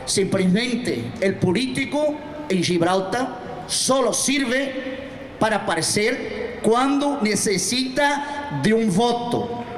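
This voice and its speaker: An older man from Portugal, a shop steward, giving an impassioned rally speech in broken English and Spanish, rising to shouts. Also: sits high, lively intonation, slow pace. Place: outdoor rally with a crowd. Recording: echoey outdoor PA with crowd noise.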